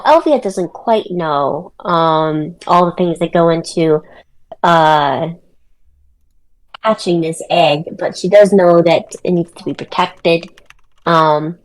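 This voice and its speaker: Brief: woman player, lowish voice, unhurried, pauses a lot. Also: rough recording. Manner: slow, full of ums. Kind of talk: describing her character in a tabletop game.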